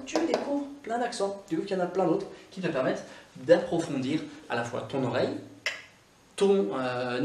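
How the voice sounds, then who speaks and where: A Scottish man, native English speaker, coaching learners in a lively, repetitive way. His voice sits a little high for a man. He is recorded from a distance in a roomy, echoing space with faint background ambience. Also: a little hiss or hum. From Scotland. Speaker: English teacher. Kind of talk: casual video lesson. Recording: echoey room, mic at a distance.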